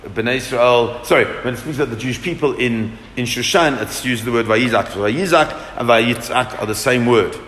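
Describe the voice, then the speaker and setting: A man's voice: medium pitch, normal speed, hardly any pauses, fairly bright tone, slight background noise. A man teaching a Torah class to a group, asking questions and answering them with emphasis. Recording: echoey room with long reverb.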